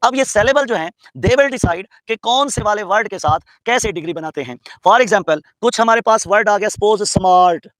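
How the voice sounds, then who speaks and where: A man's voice: high voice, expressive, normal speed, few pauses, a bit bright, no echo, poor audio. A man from Pakistan teaching an English grammar lesson. He asks students questions, answers them himself, and spells out English terms carefully. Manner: calls students "beta". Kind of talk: classroom lecture mixing English and Urdu.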